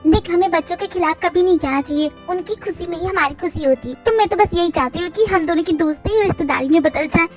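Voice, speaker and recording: A woman voicing a middle-aged aunt who gently persuades and reassures. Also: very high voice, fast talker, few pauses, soft background music. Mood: persuasive. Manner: persuasive, soothing. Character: coaxing middle-aged aunt, mother's friend.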